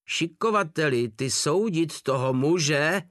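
A man's voice: medium pitch, big pitch swings, bright, forceful tone, no echo, studio quality, pitched above the performer's own voice. A man reading aloud, voicing a threatening Cossack sergeant who speaks in broken grammar. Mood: menacing. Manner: broken grammar, slow menacing.

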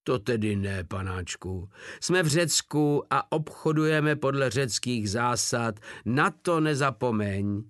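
A man's voice: medium pitch, expressive, fairly bright tone, dry recording, studio quality, close to an everyday voice. A man playing a smug wisecracking soldier. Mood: mocking. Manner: condescending, mock-fatherly teasing. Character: sly wisecracking male soldier, mocking and smug.

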